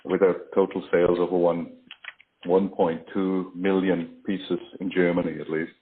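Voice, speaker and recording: Low voiced guy explaining business stuff on a call, hesitant and stop-start, muffled sound. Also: flat delivery. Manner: hesitant, halting delivery with pauses. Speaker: industry expert being interviewed. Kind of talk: business phone interview, explanatory. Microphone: phone or online call. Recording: muffled call audio, faint typing noise.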